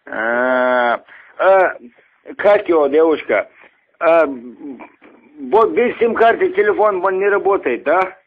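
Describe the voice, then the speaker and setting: A man from Dagestan with a Dagestani accent, calling in with halting, hesitant, naive questions. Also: fairly high pitch, lively intonation. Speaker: caller. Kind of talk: phone call. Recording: tinny narrow-band phone line.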